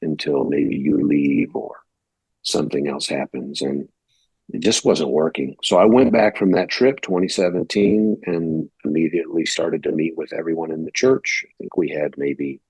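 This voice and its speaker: A very deep, husky man from Detroit speaks in a dry, close recording with no room sound. He is a pastor telling his story in a relaxed, rambling way and acts out what other people said. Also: moderate pace, no room sound. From United States (Detroit, Michigan). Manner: conversational, rambling, acts out quoted dialogue. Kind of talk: casual interview storytelling.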